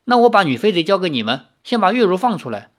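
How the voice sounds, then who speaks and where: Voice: mid-range voice, sing-song, fast talker, lightly acted. A reader voicing a hot-headed young male swordsman, impatient and insistent.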